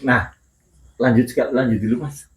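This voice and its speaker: A man's voice: medium pitch, fairly even intonation, a little slow. A man chatting casually as host, mostly answering with short prompts and reactions. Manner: short back-channel replies and prompts. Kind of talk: casual chat, listening and prompting. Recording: echoey room with faint noise.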